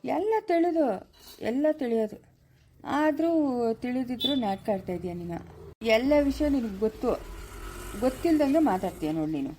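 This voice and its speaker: A woman's voice: fairly high pitch, animated, normal speed, pauses often, warm tone, slight background noise. A woman playing a stern elder woman who scolds and lectures a mother-in-law in a family village drama.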